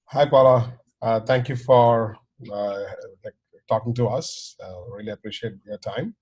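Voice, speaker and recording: A man's voice: mid-range voice, a little slow, darkish tone, husky. A man introducing himself as a product consultant on a video call, polite and eager.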